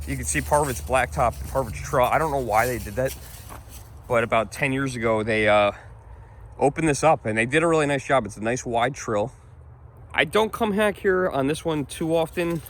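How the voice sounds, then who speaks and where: A man's voice: mid-range voice, a bit bright, a little hiss or hum. Rambling man chatting on a walk. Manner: rambling and chatty, laughing often while walking the dog. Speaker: vlogger. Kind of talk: casual walking vlog chat. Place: outdoors on a wooded trail.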